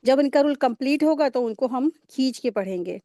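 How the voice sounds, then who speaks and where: A woman teaching a recitation lesson, patiently repeating rules and slowly drawing out syllables to demonstrate them. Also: sits high, animated, warm tone, no room sound, clean studio sound. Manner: slow drawn-out syllable-by-syllable demonstrations. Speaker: tajweed teacher.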